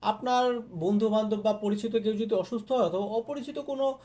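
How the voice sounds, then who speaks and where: A man teaching a casual Japanese lesson. He says each Japanese word slowly, repeats it, and then explains it. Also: high-pitched, dark tone. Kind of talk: casual spoken language lesson.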